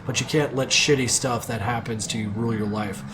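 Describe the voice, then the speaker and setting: A man's voice: medium pitch, fairly even intonation, brisk, noisy background, natural voice. A man reading aloud the lines of a day-drunk young woman friend, in a pitying, condescending way. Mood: patronizing.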